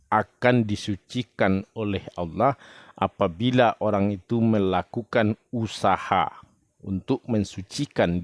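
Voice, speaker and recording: A man's voice: on the low side, dry recording. A man from West Sumatra giving an informal religious talk to camera. He explains plainly and unhurriedly, sometimes searching for words. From West Sumatra, Indonesia. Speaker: religious video teacher.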